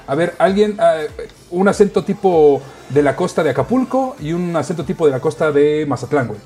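A young Mexican man from the north chatting casually as a podcast co-host, animated and laughing often, full of slang. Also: fairly high pitch, fairly quick, soft background music. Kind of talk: casual chat.

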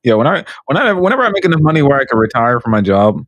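Male co-host, quick slangy banter with a dry, close sound. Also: medium pitch, sing-song, a bit bright, no echo, muffled recording. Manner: fast slangy banter, repeats himself for emphasis. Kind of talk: casual chat.

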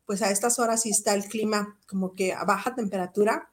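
A woman's voice: mid-range voice, fairly even intonation, a little hiss or hum. A woman, a psychologist and author, giving an earnest, emphatic explanation as a radio guest. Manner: earnest, emphatic, measured lecturing.

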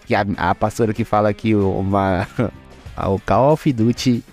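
A man's voice: lowish voice, a little slow, darkish tone, soft background music. A young man, co-hosting a podcast in a slangy, rambling way with frequent laughs. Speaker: podcast co-host. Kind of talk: casual chat.

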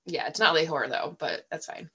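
A woman's voice: deep voice, fast, bright, forceful tone, husky. A woman chatting casually as a podcast guest, laughing often as she talks. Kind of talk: casual chat.

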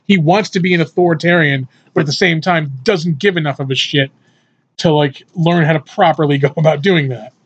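Slightly high-voiced man, wry and halting. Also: slightly rough. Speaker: podcast panelist. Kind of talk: casual panel chat. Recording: muffled, dull sound.

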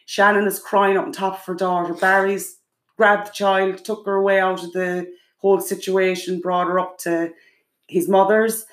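A middle-aged Irish woman tells a long family story in a run-on, vivid way, often voicing what each person said. Her pitch sits in an ordinary middle range. The recording is echoey, with the room ringing around her. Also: little pitch movement, normal speed. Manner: vivid, run-on storytelling with many quoted exchanges. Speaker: guest, the host's mother. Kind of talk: emotional storytelling in casual chat.

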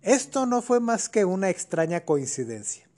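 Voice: medium pitch, very animated, moderate pace, a little mellow. A podcast co-host with a Mexican accent, explaining history in a casual chat with colloquial asides.

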